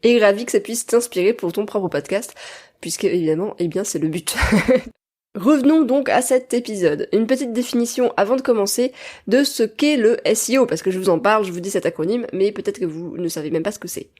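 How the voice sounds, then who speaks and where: A woman hosts a podcast and chats with her guest in a friendly, explanatory tone, now and then breaking into a light laugh. Her voice sits at an ordinary middle pitch. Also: a little fast, darkish tone. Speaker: podcast host. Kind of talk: podcast interview.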